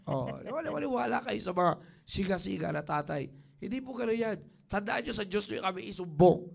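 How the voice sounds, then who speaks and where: A man with a high voice and a gravelly edge hosts a church talk show. He teaches married couples in a playful way and slips into little acted scenes. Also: animated, normal speed. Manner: acts out quoted prayers and spouses, joking.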